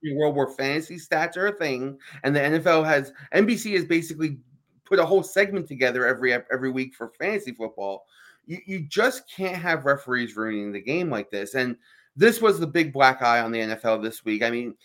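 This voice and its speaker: Fast-talking emphatic male sports co-host. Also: medium pitch, lively intonation, fairly bright tone. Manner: fast, emphatic, fills with "right?". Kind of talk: casual sports talk.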